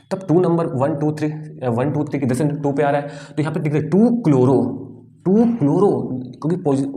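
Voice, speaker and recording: A man's voice: mid-range voice, warm tone. A man teaching a class, explaining step by step, asking his students questions and answering them himself. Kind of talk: classroom lecture.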